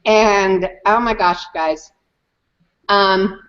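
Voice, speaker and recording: Woman guest, animated storyteller, emphatic; slightly muffled call audio. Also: medium pitch, drawn-out words. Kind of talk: personal story in an online hangout.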